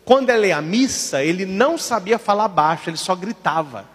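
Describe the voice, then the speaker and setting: A priest with a Brazilian accent, telling funny stories in a sermon in a playful, animated way. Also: male voice, high voice, a little fast, breathy edge, big-room sound. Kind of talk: humorous sermon storytelling.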